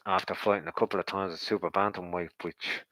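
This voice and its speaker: A man's voice: low-pitched, fairly even intonation, quick pace, sharp tone, a little hiss or hum, low-quality recording. A man giving casual, rambling boxing commentary in a conversational, speculative way, as if thinking aloud.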